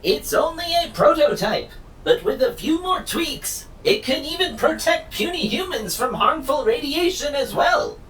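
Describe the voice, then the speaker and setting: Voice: animated, measured pace, fairly bright tone. An actor doing a glitchy, smug forecasting robot. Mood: formal. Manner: formal robotic diction, stuttering glitches. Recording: distant mic, faint rumble.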